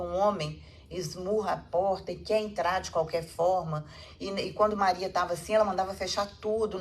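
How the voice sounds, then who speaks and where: Gravelly Brazilian woman lecturer. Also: mid-range voice. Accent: Brazilian Portuguese. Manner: animated retelling with frequent tag questions. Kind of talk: spiritual public lecture, storytelling. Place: meeting hall.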